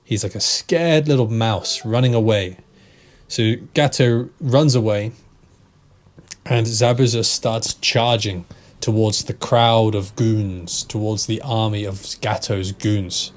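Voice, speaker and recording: Slow, patient male English teacher. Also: fairly low pitch, steady tone. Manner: repeats key phrases, checks in with "right?". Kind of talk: slow retelling for language learners.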